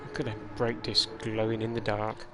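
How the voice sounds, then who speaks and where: This man's voice sits on the low side, and he speaks at a normal speed in a monotone. He's streaming an online racing game and commenting live, casually chatting, poking fun at himself and muttering as he drives, with noisy game audio behind him.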